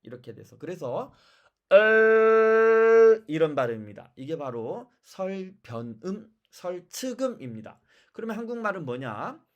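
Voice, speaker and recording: A language teacher giving a pronunciation lesson, explaining step by step and repeating example words slowly. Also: mid-range voice, sing-song, lo-fi sound. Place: lives in China.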